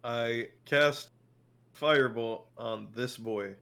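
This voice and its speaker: A man's voice: mid-range voice, takes it slowly, creaky, bright, forceful tone, clean tone. A man playing a tabletop game, hesitant and muttering, swearing as he fumbles the rules. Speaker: player. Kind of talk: casual tabletop game chat.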